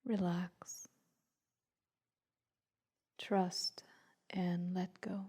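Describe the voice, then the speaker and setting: Speaking softly and breathily in a lowish, level voice, a woman leads a guided meditation. She is soothing and unhurried, giving short instructions separated by long pauses.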